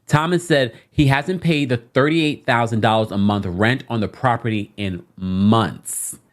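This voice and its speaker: A woman's voice: a bass voice, measured pace. A woman from London reading a news article aloud on a podcast, breaking off with indignant asides. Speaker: podcast co-host.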